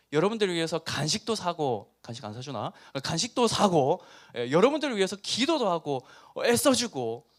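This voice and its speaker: A middle-aged man with a Busan dialect preaches to a high school youth group. His voice sits high and swings widely in pitch. He tells the story animatedly and acts out its characters. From Busan, South Korea. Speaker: pastor. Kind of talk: youth sermon.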